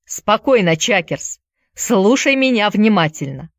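A woman's voice: mid-range voice, sing-song, a little slow, no echo, clean studio sound. A woman voicing a bold boy who gives curt orders to his friends. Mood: commanding. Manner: curt, commanding. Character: bold commanding boy leader.

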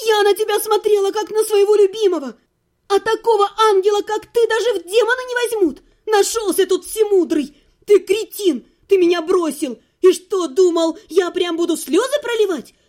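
Женщина изображает вспыльчивую героиню на крике. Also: female voice, normal speed. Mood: furious. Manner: shrill, explosive yelling and sharp retorts. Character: fiery young woman, heroine, quick-tempered. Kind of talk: audiobook character voice.

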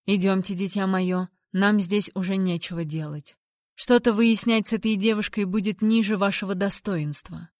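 A woman voicing an older male count, an uncle who speaks calmly and in a fatherly way. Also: medium pitch, moderate pace, no room sound, studio quality, lightly acted. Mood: gentle.

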